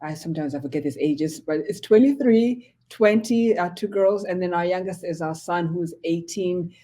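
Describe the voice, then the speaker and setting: A woman's voice: fairly low pitch, normal speed. Woman from Zimbabwe, storytelling pastor. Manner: warm storytelling with frequent fillers. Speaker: pastor and guest. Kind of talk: casual interview talk.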